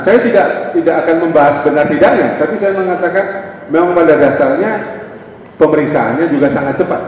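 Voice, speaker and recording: A man's voice: on the high side, darkish tone, slight background noise. A middle-aged man from North Sumatra, a pastor and family counselor giving a conversational, anecdotal seminar talk to an audience. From North Sumatra (Batak). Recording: echoey hall, distant dull mic.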